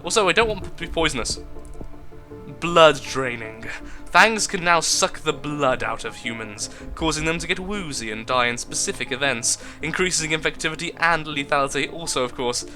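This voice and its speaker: With soft music in the background, a young gaming host gives jokey, casual commentary while reading on-screen text aloud. He speaks at a normal pace in a fairly high, animated voice that comes across pushed and bright.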